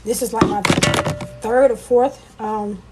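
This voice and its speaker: Woman talking while she cooks at home, kinda high voice, lots of noise behind her. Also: fairly even intonation, measured pace. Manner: chatty, talks to kids and viewers while cooking. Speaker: home canning vlogger. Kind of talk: casual kitchen vlog. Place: home kitchen. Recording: loud background noise.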